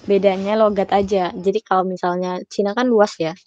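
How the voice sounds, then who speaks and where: A young woman giving a relaxed, chatty private language lesson, patient and quick to laugh. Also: medium pitch, dull audio. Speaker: Mandarin tutor.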